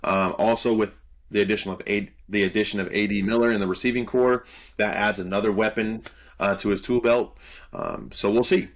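Analyzing college football players on a podcast he co-hosts, a young man chats loosely and confidently, dropping plenty of "um" fillers. He speaks a little fast in a lowish voice with fairly even intonation.

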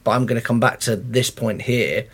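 A man with a mid-pitched voice in a podcast chat. He talks haltingly and keeps filling gaps with "it's like". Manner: halting, lots of "it's like" fillers.

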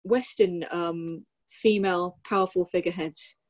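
A woman talking casually on a podcast, thoughtful and wry, often pausing with ums. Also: lowish voice, steady tone. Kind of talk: casual chat.

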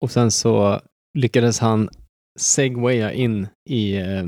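A man's voice: lowish voice, steady tone, a little mellow, no echo, studio quality. A man in his thirties hosting a film podcast, joking and rambling with lots of fillers and restarts. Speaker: podcast host. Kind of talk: casual film podcast chat.

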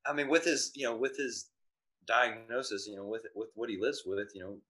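Bright-voiced man rambling casually. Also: mid-range voice, fairly even intonation, brisk, rough recording. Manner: rambling, filler-heavy, restarts sentences. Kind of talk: casual chat.

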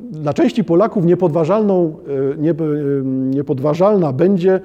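Guy lecturing on literature, kinda high but really dark mellow voice, lots of uh pauses. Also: dull audio. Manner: halting, with frequent "e" hesitations and restarts; addresses listeners formally and checks understanding.

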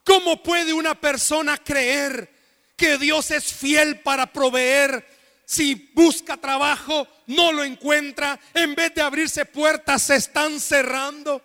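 Very high-voiced preacher man in echoing hall. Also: steady tone, slow pace. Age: adult, married. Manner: impassioned preaching with shouted appeals. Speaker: pastor. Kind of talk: sermon. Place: church service.

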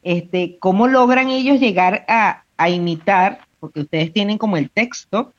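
A woman, co-hosting a podcast, expressive and thinking aloud. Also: medium pitch, measured pace. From Venezuela. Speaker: podcast co-host, trained actress. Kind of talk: casual podcast chat. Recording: dull lo-fi audio.

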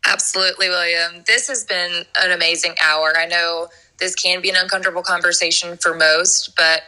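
Forceful, bright, low-pitched woman co-host. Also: steady tone, moderate pace, low-quality recording. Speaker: event co-host. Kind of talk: earnest closing remarks.

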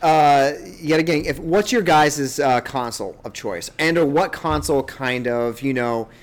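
A man's voice: on the high side, a little slow. Upbeat man hosting a gaming podcast. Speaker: podcast host. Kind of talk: casual chat.

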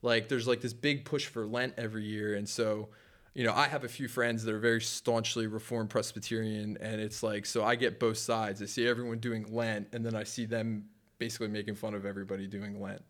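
A young man with a fairly low voice talks through church history on a podcast. He rambles, restarts and leans on fillers like "you know" and "like", keeping it loose and conversational. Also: flat delivery, a little fast, fairly bright tone. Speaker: pastor and podcast co-host. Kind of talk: casual podcast discussion.

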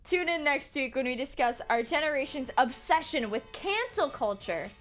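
A young woman hosts a casual podcast with an upbeat, giggly manner. Her voice sits a little high. Faint music plays in the background. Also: expressive, normal speed, fairly bright tone. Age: young adult. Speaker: podcast host.

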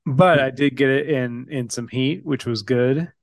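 A man's voice: medium pitch, measured pace, no room sound. A man chatting and bantering casually as a podcast co-host.

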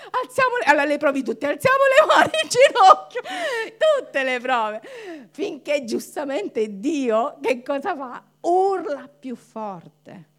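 A woman's voice: high-pitched, takes it slowly. A woman pastor preaching a sermon, acting out the people in her story and laughing as she goes. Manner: animated, acts out quoted voices with laughter.

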